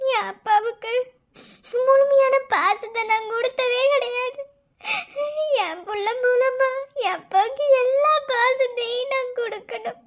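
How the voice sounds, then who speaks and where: A woman voicing a young cartoon woman with a Madurai Tamil accent, pleading emotionally in rustic slang. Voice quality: very high, childlike cartoon voice. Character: young woman, tearful, longing for her late father. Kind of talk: cartoon voice acting.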